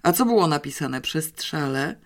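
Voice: medium pitch, animated, normal speed, creaky. An audiobook narrator voicing a patient, wry adult police captain who coaxes the children along. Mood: coaxing. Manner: coaxing, slightly mysterious. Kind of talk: audiobook character reading.

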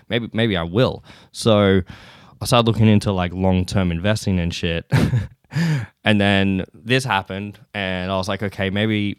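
Low, clear-voiced Australian man rambling. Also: dry recording, studio quality. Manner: rambling, swears often, laughs between thoughts. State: sleepy, just woken up. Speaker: podcast host. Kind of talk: casual solo podcast chat.

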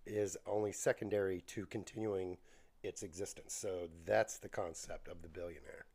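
Rambling man with a lowish voice and bronchitis. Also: fairly even intonation, moderate pace, vocal fry, darkish tone. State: coughing with bronchitis. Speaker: podcast co-host. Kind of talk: casual rambling podcast chat.

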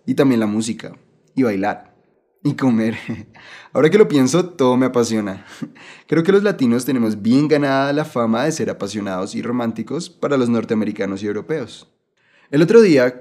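A man's voice: medium pitch, mellow. A cheerful man hosts a language-learning podcast, reading his script with real enthusiasm and laughing easily. His voice sits in an ordinary middle register. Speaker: podcast host and teacher.

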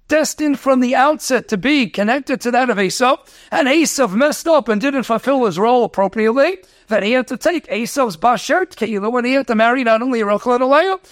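A rabbi lecturing on Torah, talking quickly, mixing in Hebrew and Yiddish terms, asking rhetorical questions and telling stories. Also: male voice, extremely high pitch, no echo, studio quality. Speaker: rabbi teaching a Torah class.

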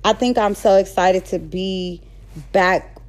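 A woman in her thirties talks straight into her podcast mic in a loose, unscripted solo monologue. Her voice sits at an ordinary mid pitch for a woman. She is blunt and candid, and she often trips over her words as she goes. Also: fairly even intonation, slow pace. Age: 30s. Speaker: podcast host.

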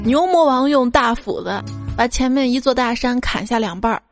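A woman's voice: fairly high pitch, normal speed, faint music behind. A woman telling comic jokes in a chatty, playful storytelling manner. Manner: chatty, playful joke delivery.

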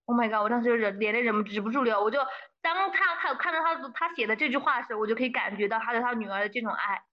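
A young woman talks fast and eagerly as a guest in a casual interview, her voice a little high. She slips English phrases into her story. The recording sounds dull and lo-fi. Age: young adult.

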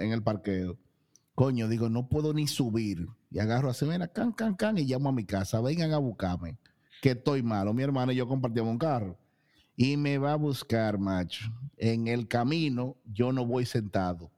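A young adult man, telling a funny story in casual chat with lively, laughing delivery. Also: mid-range voice, a little fast.

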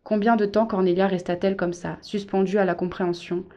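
A woman narrating a novel in a measured, gentle storytelling voice. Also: medium pitch, level tone. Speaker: audiobook narrator. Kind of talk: scripted narration.

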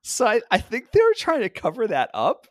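A man co-hosting a podcast, chatting casually with a joking, animated manner. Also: high-pitched, fairly quick, no echo, clean studio sound. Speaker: podcast co-host. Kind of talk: casual chat.

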